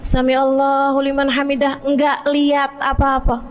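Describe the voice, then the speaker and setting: A woman preacher telling stories in a lively, animated sermon, addressing her audience directly. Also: sits high, moderate pace, slight background noise. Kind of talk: storytelling sermon. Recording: long hall reverb.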